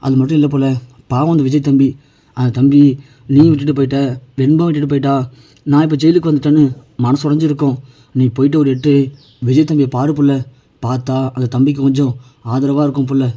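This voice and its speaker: A man's voice: mid-range voice, little pitch movement, fast, long pauses, mellow, highs cut off, close to an everyday voice. A man reading the lines of a kindly older woman comforting a younger one, in his own plain voice. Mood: consoling. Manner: soothing, reassuring.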